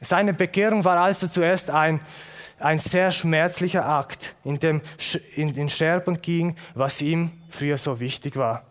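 A male preacher giving a sermon in an earnest way, posing rhetorical questions and slowing down for emphasis. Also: a little high, steady tone.

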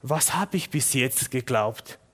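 A male preacher giving a sermon in an earnest way, posing rhetorical questions and slowing down for emphasis. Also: medium pitch, animated, fairly bright tone, breathy edge.

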